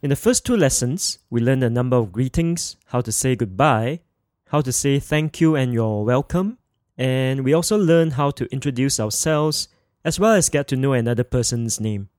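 A man teaching a podcast language lesson, speaking clearly and slowing down to repeat words for learners. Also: medium pitch, animated, darkish tone, no echo, studio quality. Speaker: Mandarin teacher.

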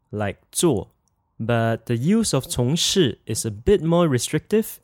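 A man teaching a language lesson in a clear, explanatory scripted narration, saying example phrases slowly. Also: mid-range voice, darkish tone, no echo, clean studio sound.

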